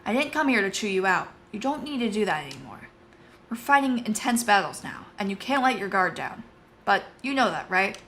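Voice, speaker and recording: Casting: woman voicing a calm female veteran mentor, measured and bright. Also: medium pitch, slight background noise.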